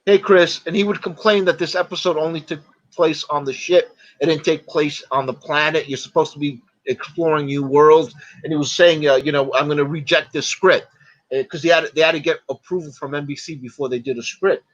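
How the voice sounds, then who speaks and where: A man chatting as a podcast guest, retelling stories in a halting way, full of fillers and restarts. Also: a little high, steady tone, lo-fi sound. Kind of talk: casual podcast chat.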